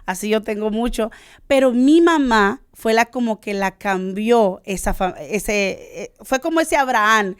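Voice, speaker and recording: A Honduran woman in her thirties with a Honduran Spanish accent, telling her faith testimony as a guest in an earnest way, often pausing with "este". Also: fairly high pitch, expressive, clear, resonant tone, no room sound, studio quality. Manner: earnest, searching for words with many "este" fillers. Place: studio.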